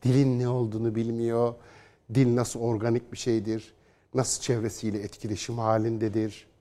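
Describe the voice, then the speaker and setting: A man's voice: mid-range voice, moderate pace. Sarcastic man delivering heated commentary. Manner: sarcastic and combative, mocking opponents in put-on quotes; reads news passages aloud in a flatter tone. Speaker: political commentator. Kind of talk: opinionated solo commentary.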